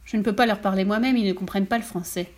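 A woman voicing a friendly male shopkeeper who speaks in a calm, reassuring way in a storybook reading. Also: medium pitch, very fast, natural voice.

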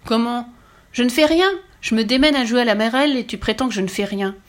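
A woman's voice: fairly high pitch, brisk, voice pushed up, lightly acted. Fifi Brindacier, a woman voicing a cheeky little girl. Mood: teasing. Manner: bright, teasing, mock-polite. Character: cheeky, fearless, playful little red-haired girl.

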